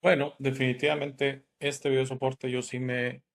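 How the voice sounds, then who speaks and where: A man's voice: medium pitch, little pitch movement, moderate pace, creaky. A man from northern Italy, the host, telling a personal story in a reflective, casual way. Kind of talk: casual chat.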